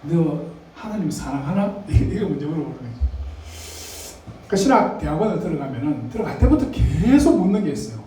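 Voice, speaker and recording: A man's voice: fairly high pitch, very animated, brisk, warm tone, slight background noise. Man preaching in an echoey hall. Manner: conversational preaching, asks the congregation questions. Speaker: pastor. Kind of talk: sermon. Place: church sanctuary. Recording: echoey church hall, mic at a distance.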